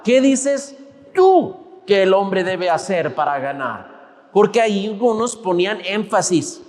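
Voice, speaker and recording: A man with a high voice preaches a sermon, pressing his points with rising and falling emphasis. His voice carries a long reverb from the church hall around him. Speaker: pastor.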